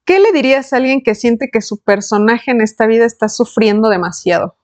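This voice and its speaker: A woman hosting a podcast and asking questions calmly. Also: fairly high pitch, brisk. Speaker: podcast host.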